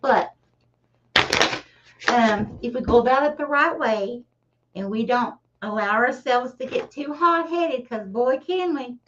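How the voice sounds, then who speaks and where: A woman's voice: fairly high pitch, unhurried, a bit bright, slight background noise. A middle-aged woman giving a casual livestream tarot reading, chatty and often laughing at herself. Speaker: tarot reader. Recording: distant, slightly dull mic.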